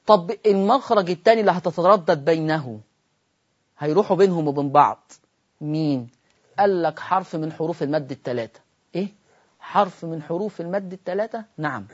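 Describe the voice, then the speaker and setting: An Egyptian man teaches Quran recitation in a broadcast lesson, asking rhetorical questions of his students. He slows right down to model each word. The audio sounds dull and slightly lo-fi. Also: on the high side, expressive, husky. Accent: Egyptian Arabic. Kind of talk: televised religious lesson.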